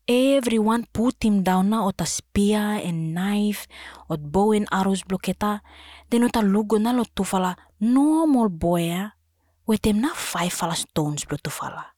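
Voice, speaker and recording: A woman's voice: medium pitch, darkish tone, dry recording, clean studio sound. A woman with a Solomon Islands accent narrating a storybook expressively in Solomon Islands Pidgin.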